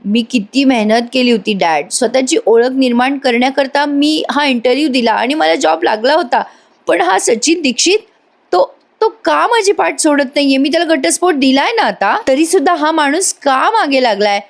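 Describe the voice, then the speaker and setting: A woman reads out a young daughter fed up with her lot, pleading and complaining, voice pitched up a little above her own. It is a TV serial recap read aloud, the voice higher than average, acted only lightly. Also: normal speed. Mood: upset.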